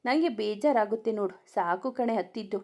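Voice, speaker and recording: A woman voicing an affectionate young husband who talks in a warm, teasing way. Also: medium pitch, normal speed, close to an everyday voice.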